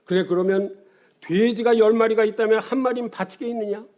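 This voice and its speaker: A man's voice: high voice, steady tone, brisk, a little mellow, voice pushed up, lightly acted. A man in his seventies acting out a friend who teases with pointed questions, in a sermon story. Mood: probing. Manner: teasing, questioning.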